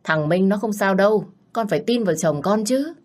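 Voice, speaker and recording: A woman's voice: mid-range voice, lively intonation, brisk, pitched above the performer's own voice, natural voice. A woman voicing a caring older mother-in-law who fusses and worries over her children. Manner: fussing, motherly.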